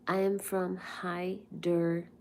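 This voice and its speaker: A young woman hosts a relaxed livestream and chats easily with her viewers. Her voice sits a little low, and she takes her time, drawing her words out as she answers their messages. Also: slow, slight background noise. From India. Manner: chatty, greets viewers and answers chat messages. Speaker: livestream host. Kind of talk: casual livestream chat.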